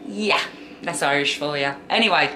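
A middle-aged woman from London, England, with a London accent, guests on her daughter's YouTube vlog in a small bedroom, chatting casually in a blunt, dry, joking manner. Her voice is low-pitched, pushed and bright at a normal speed, and the rough recording sounds roomy with slight background noise.

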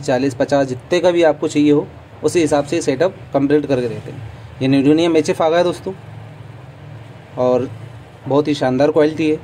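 A man's voice: a little high, warm tone, slight background noise, rough recording. A man walking through a trade show stall, chatting to his viewers about the gear with opinionated asides, recorded on a handheld phone. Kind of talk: casual walkthrough vlog. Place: busy indoor trade show hall. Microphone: phone camera held while walking.

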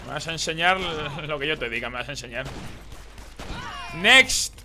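A man doing live gameplay commentary as a streamer, excitable and swearing as he reacts to the game. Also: on the high side, quick pace, noisy background. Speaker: gaming streamer.

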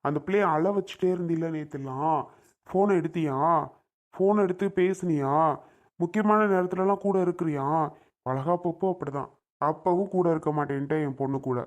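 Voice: mid-range voice, normal speed, darkish tone, natural voice. A performer playing an angry middle-aged father who scolds his son-in-law and worries about his daughter in a family drama skit. He speaks in a blaming, raised voice.

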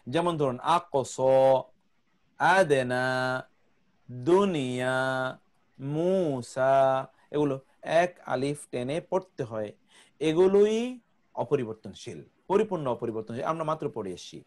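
A man's voice: on the high side, sing-song, fairly quick, a little mellow. A man teaching an online grammar class, patiently repeating word lists for students to memorize.

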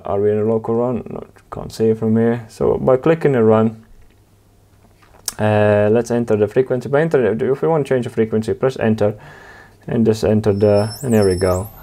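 Low-voiced man explaining drive setup. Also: darkish tone, slight background noise. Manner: halting, many fillers and restarts, informal. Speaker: channel host demonstrating equipment. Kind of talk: casual technical demonstration.

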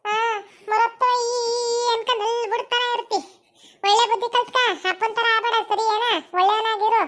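Picture a bossy village mother with a piercingly high voice and a North Karnataka Kannada accent, as a young woman acts her out in a comedy skit. She fusses over babies, teasing and scolding them in a sing-song coax. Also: level tone, brisk, fairly bright tone. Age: young adult.

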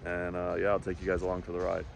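A man's voice: low-pitched, completely flat delivery, quick pace, gravelly. A man chatting casually to viewers in a travel vlog as he walks around a city outdoors, talking into a handheld camera. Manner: chatty, talks to viewers while walking around town. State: out of breath after jogging. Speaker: vlogger. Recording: loud street and traffic noise.

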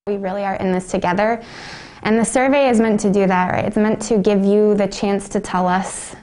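A woman's voice: medium pitch, steady tone, normal speed, a little mellow, rough recording. Earnest woman in an interview. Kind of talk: interview clip.

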